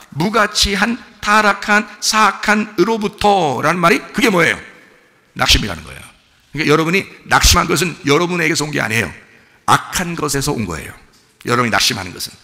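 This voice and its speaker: A fervent man pastor preaches at speed, his high voice leaping and falling with sharp force. His tone is tense and gravelly, and a long echo hangs in the church hall around him. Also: sing-song, fairly quick. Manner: fervent preaching, swinging between shouts and hushed asides. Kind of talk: sermon. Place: church sanctuary.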